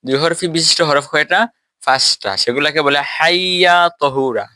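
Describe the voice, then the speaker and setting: Man, recitation teacher, bright tense tone, dry close sound, quizzing students, drawing out letters. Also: a little high, no room sound. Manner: explains step by step, asks the class questions and drills slow drawn-out letters. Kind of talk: tajweed class lesson.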